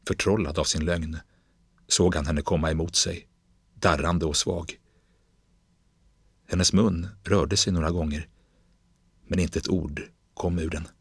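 A man narrates literary fiction in a slow, grave, measured reading. His voice sits extremely low and carries a husky grain. The recording is dry and close, with no room sound. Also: steady tone, dry recording.

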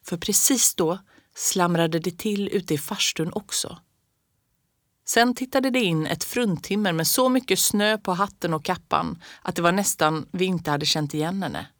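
A woman reading a story aloud in a calm, measured way. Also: fairly low pitch, no echo, clean studio sound. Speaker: audiobook reader. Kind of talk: scripted storybook narration.

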